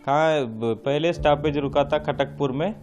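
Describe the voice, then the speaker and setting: Halting man recounting events. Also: a little high, lo-fi sound. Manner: halting, repeats himself while recounting. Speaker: rescue worker interviewee. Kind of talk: testimony to a reporter. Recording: interview with loud music underneath.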